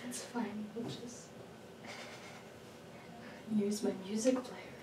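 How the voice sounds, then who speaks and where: A woman's voice: mid-range voice, fairly even intonation, slow pace. Playful young woman in an echoey bathroom. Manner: playful, joking. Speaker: cosplayer filming behind the scenes. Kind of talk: casual chat. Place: small home bathroom. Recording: echoey bathroom, faint noise.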